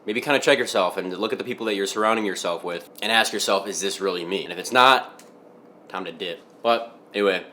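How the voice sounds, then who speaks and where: Low-voiced young man, laid-back vlog chat. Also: quick pace, sharp tone, slight background noise. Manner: rambling, laid-back, musing aloud. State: slightly groggy morning voice. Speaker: fitness vlogger. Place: home kitchen.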